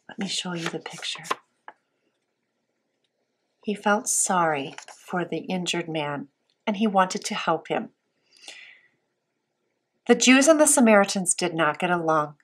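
Teaching young children a Bible lesson, this Sunday school teacher has a lowish, husky voice. She stays sweet and patient, asking simple questions and leaving pauses.

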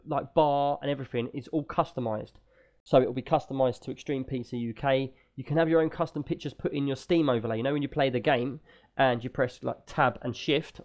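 A man's voice: medium pitch, a little mellow. A British man talking casually and enthusiastically as the host of a gaming podcast.

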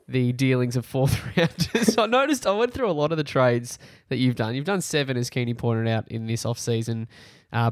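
A man's voice: medium pitch, dry recording, clean studio sound. A man hosting a casual podcast chat, asking teasing, joking questions.

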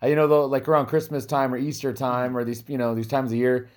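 A man's voice: medium pitch, flat delivery, fast, darkish tone. A man hosting a casual podcast interview in a joking, conversational way. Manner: joking, acts out imagined remarks. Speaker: podcast host.

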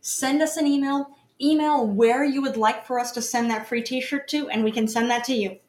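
A woman's voice: high voice, steady tone, moderate pace, a little mellow, slight background noise. A woman co-hosting a call-in show, upbeat and friendly, passing on what others say. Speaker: co-host. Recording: echoey room.

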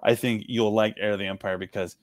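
Here a podcast co-host with a lowish voice talks fairly quickly and with fairly even intonation, and no room sound comes through. His casual chat wanders, packed with fillers and false starts.

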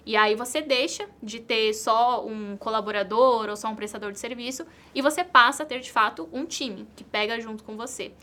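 A Brazilian woman with a fairly high, bright voice, speaking as an entrepreneur in an interview. She talks earnestly and repeats her key points for emphasis. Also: moderate pace, few pauses. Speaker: entrepreneur and content creator. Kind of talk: interview answers.

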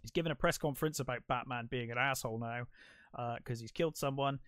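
A man co-hosting a podcast, chatting casually about a film and acting out quotes with lively, swearing humour. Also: medium pitch, quick pace, clear, resonant tone, no echo, studio quality. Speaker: podcast co-host. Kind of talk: casual film review chat.

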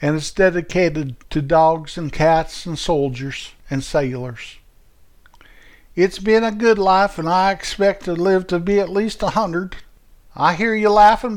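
An older man with a folksy, rambling manner, telling homespun stories in a comic monologue. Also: high-pitched. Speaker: retired shop owner telling his story.

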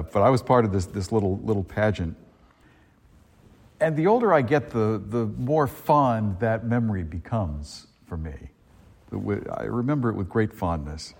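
A man with a fairly low, husky voice preaches and reads as a priest. His phrasing is conversational and a little halting, circling back on his words. The sound rings with the long echo of a cathedral-like space. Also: a little mellow. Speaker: priest preaching at a Christmas service. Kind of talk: liturgical reading and homily. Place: large reverberant church.

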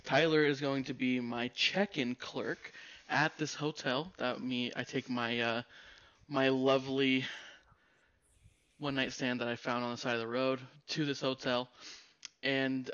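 A man's voice: mid-range voice, level tone, unhurried, a bit bright, clean tone. A man chatting and joking with friends, telling an improvised story with lots of hesitations and restarts. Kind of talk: casual chat, improvised storytelling. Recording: dull lo-fi sound.

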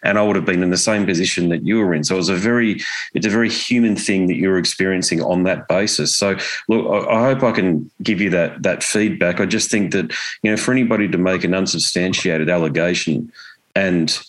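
An Australian man speaking as an interviewer in a conversational, earnest way, often halting as he finds his words. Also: low-pitched, low-quality recording.

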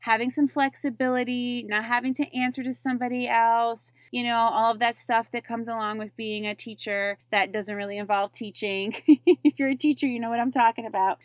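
A woman's voice: a little high, no room sound. A woman in her thirties telling her own career story in a chatty, candid way, often restarting phrases and laughing lightly. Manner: chatty, frequent self-corrections and little laughs. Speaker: network marketer. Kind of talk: personal story monologue.

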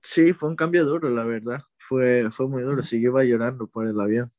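Speaking a little fast in a mid-range voice, a young man from Ecuador chats casually as an interviewee. He's relaxed and rambles slightly, pausing to hesitate and correct himself. Clean studio sound, with no room sound.

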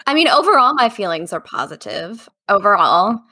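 A woman's voice: medium pitch, sing-song, normal speed, sharp tone, husky. A woman co-hosting a movie review podcast, talking loosely and laughing often. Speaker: podcast co-host. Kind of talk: casual movie review chat.

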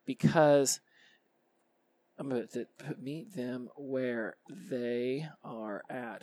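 A man's voice: mid-range voice, darkish tone, dry recording. A man hosting a solo podcast, talking casually to college students with plenty of ums and restarts. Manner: casual and conversational, frequent fillers and restarts. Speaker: podcast host.

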